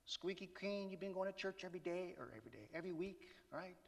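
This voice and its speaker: A man's voice: sits high, animated, fast talker, gravelly. A man preaching a sermon in a conversational way, with rhetorical asides to the congregation. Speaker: pastor. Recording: reverberant hall.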